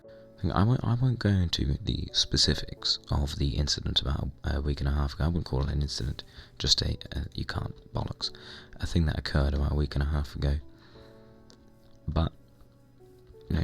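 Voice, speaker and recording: Croaky deep guy rambling while he games, gravelly. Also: normal speed, fairly bright tone, faint music behind. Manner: rambling, chatty, mild swearing. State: hoarse, recovering lost voice. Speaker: gaming vlogger. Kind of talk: casual chat while playing a game. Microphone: desk microphone at computer.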